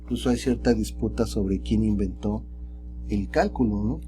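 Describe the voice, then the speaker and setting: A man teaching calculus in a relaxed, chatty way, often tagging his sentences with rhetorical questions. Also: fairly low pitch, moderate pace, music in the background. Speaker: math teacher. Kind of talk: recorded screen lesson.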